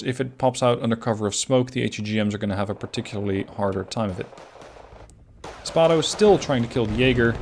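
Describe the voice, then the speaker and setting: A man narrates a replay of his strategy game match in an easygoing, analytical way, pausing to admit his own misplays. His voice sits at an ordinary middle pitch. A faint hiss of noise runs under the recording. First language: not Finnish. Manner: relaxed, analytical, self-critical. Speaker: gameplay commentator.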